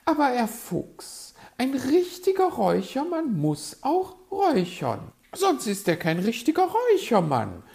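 A man voicing a vain, fussy female magpie in a children's audio story, shrill and easily offended. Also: wildly swooping pitch, measured pace, gravelly, hardly any pauses, darkish tone, full character voice. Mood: gushing, pleading. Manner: shrill, indignant, pleading.

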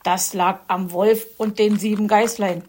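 A gruff male fox grumbles his way through the scene, voiced by a woman storyteller. He speaks loudly and curtly, a bossy grouch from a children's audiobook. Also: medium pitch, fairly even intonation, unhurried, close to an everyday voice.

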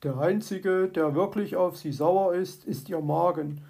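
Storybook friend, male, jolly and teasing, unhurried voice, read by a woman. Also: on the low side, vocal fry, warm tone. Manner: laughing, teasing. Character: good-natured teasing male peacemaker friend.

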